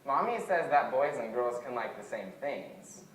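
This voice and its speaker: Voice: medium pitch, animated, normal speed, lightly acted. A teenage actor playing an earnest small child who wants a dinosaur story, in a school stage play. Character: earnest small child wanting made-up stories. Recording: distant echoey stage, crowd and noise.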